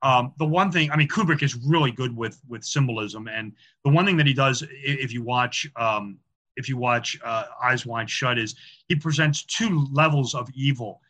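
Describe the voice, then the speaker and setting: A man appears as a podcast guest discussing film symbolism in casual interview talk, chatty and explanatory, with frequent fillers and repeated words. His mid-range voice has a fairly bright tone at normal speed, though the audio is dull.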